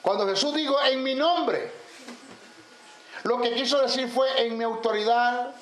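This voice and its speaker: High-voiced preacher teaching emphatically. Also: male voice, unhurried, fairly bright tone. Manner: fires rhetorical questions, lists terms, emphatic. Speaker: Bible teacher. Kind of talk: theological teaching sermon. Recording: echoey room, faint background noise.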